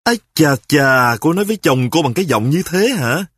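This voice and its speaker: A man playing a sick, petty husband who scolds his wife in rapid-fire accusations in a spoken story. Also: a little high, very animated, husky, no echo, studio quality. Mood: accusing. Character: sick, petty, quarrelsome husband, self-righteous.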